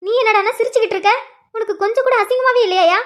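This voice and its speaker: A woman's voice: very high-pitched, racing, fairly bright tone. A woman voicing a middle-aged mother in a cartoon who indignantly scolds her husband and daughter. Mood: scolding.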